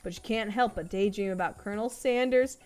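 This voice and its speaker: A woman's voice: mid-range voice, a little fast, a little mellow, soft background music. A woman streamer reading a dating game aloud, playful and joking as she goes.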